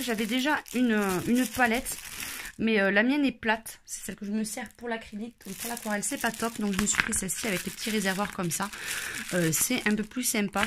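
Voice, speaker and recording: A woman's voice: mid-range voice, noisy background. A woman chatting casually through a craft shopping haul, with many hesitations. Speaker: craft vlogger.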